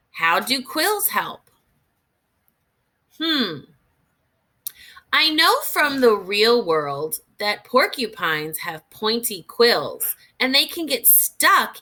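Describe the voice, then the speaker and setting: A woman reads aloud at a mid-range pitch, taking an expressive teacher's approach for young kids and stopping to reason out questions.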